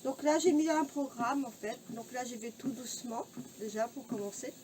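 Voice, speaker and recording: A woman's voice: fairly high pitch, normal speed, a little mellow. A woman chatting casually while filming her home workout, out of breath and full of fillers. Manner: chatty, filmed mid-exercise, filler-heavy. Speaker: fitness vlogger. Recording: distant mic, noisy home room.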